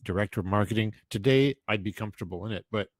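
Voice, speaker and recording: Emphatic low-voiced man, dry sound. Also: fast talker, no echo. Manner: rambling and emphatic, many restarts. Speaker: podcast host. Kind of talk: casual chat.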